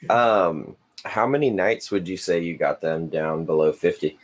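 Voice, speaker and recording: Deep-voiced male co-host, short easygoing interjections. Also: moderate pace. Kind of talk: casual chat.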